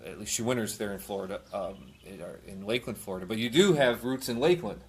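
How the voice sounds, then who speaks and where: Husky-voiced missionary host, stumbling. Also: male voice, on the low side, animated, fast. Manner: stumbling, repeats words, laughs easily. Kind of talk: live interview hosting.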